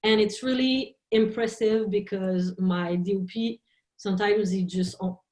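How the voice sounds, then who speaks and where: A woman film director, a native French speaker, speaking English in an interview, halting and searching for words. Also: mid-range voice, steady tone, a little mellow. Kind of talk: interview talk in a second language. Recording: roomy echo.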